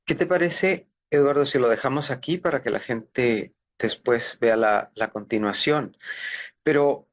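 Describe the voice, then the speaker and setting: A man's voice: medium pitch, unhurried. A man hosting an interview, summing up his guest's story in a reflective, affirming way. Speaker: host.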